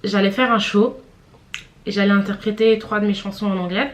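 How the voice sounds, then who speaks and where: A woman's voice: medium pitch, fairly even intonation, a little fast. A woman in her twenties telling a story to her viewers in a chatty, slangy vlog. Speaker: vlogger.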